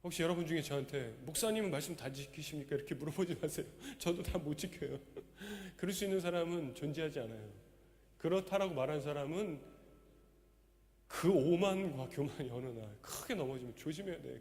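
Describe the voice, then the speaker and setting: Male pastor preaching sunday sermon, kinda high voice, gets loud and emphatic. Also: animated, brisk. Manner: emphatic, rising to loud exhortation. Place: church sanctuary. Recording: long church reverb.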